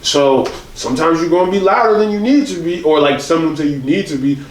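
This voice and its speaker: A man co-hosting a podcast, talking casually and comically, often jumping into loud mocking voices when he quotes people. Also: fairly high pitch, brisk. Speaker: podcast co-host. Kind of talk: casual comedic chat. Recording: roomy echo, far from the mic.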